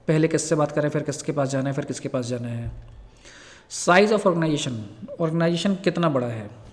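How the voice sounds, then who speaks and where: A man gives a nursing lecture in a fairly high voice. He reads each English point slowly before explaining it in everyday words. His voice rings out in a long-reverb room. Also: a little mellow. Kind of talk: Hindi lecture explaining from slides.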